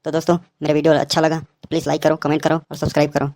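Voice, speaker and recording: Fast mocking comic commentator man. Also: fairly high pitch, completely flat delivery, a little mellow. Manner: mocking, roasting. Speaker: channel host and commentator.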